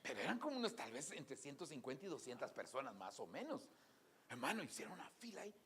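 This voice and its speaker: A male pastor preaches in church, his pitch leaping up and down as he tells a story. He drops to quiet asides, then bursts out loud. A faint hum sits behind him. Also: fast talker. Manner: lively storytelling, swings from soft asides to loud exclamations. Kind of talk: sermon.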